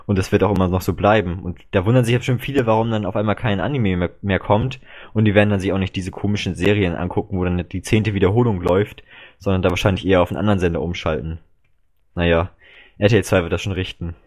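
Male podcast co-host, low voice, casual and opinionated. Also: steady tone, fast talker, a little mellow. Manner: chatty, opinionated, hesitant restarts. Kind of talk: casual fan podcast chat.

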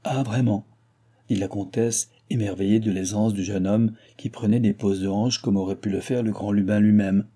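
A man narrating a classic novel as an audiobook, measured and expressive. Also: lowish voice.

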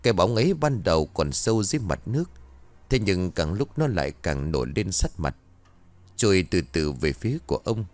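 A man giving a dramatic, expressive scripted ghost story narration. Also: low voice, fairly quick.

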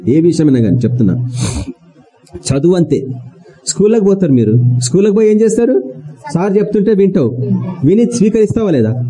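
A man delivers a plain-spoken sermon in a very dark, mellow voice that sits a little high in pitch. He keeps asking the congregation questions and repeats his key words. His talk is casual and drops in English words now and then. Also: sing-song, fairly quick, long pauses, low-quality recording. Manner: colloquial, mixes in English words. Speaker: preacher.

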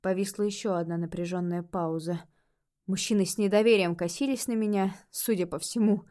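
A woman narrating a first-person audiobook in an expressive, lively way. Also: on the low side.

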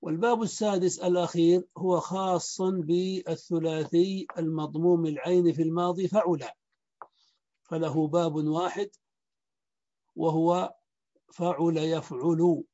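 A man teaching Arabic morphology in a lecture, speaking slowly and deliberately and repeating word patterns. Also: fairly high pitch, fairly even intonation, dark tone, lo-fi sound. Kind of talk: lecture explaining a grammar book.

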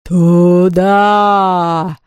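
A spiteful ice ghost that crawls through its threats at a howling crawl, as a woman reads it out. The voice stays smooth and resonant, every syllable dragged out. It brags and sneers like a storybook villain. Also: on the low side, little pitch movement, darkish tone, dry recording. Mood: menacing. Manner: drawn-out, howling delivery. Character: boastful icy ghost, booming and spiteful.

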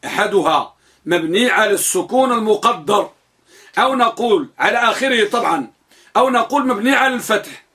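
A man's voice: high voice, lively intonation, brisk, pushed and bright. A man teaching Arabic grammar, explaining step by step and posing questions he then answers himself. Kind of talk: classroom grammar lesson.

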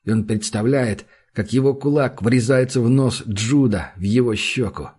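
Husky-voiced male audiobook narrator. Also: mid-range voice, moderate pace, a little mellow. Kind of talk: scripted literary narration.

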